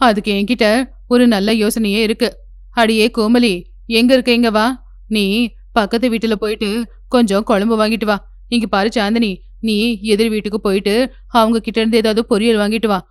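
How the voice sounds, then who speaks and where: A woman voicing a harsh, stingy mother-in-law in a cartoon story, with a sharp, bossy, scolding manner. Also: on the high side, little pitch movement, fairly quick, clean tone, dry recording, close to an everyday voice. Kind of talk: cartoon voice acting.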